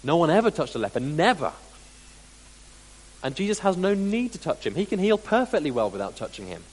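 A man preaching a sermon as dramatic storytelling, deliberate and full of pauses, with sudden drops into quiet, in a large hall. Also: a little high, very animated. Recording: long hall reverb, faint hum.

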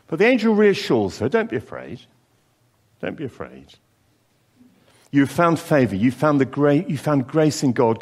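Male preacher, earnest and expressive sermon, lively pitch movement. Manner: earnest, expressive delivery with pauses and emphatic repetitions.

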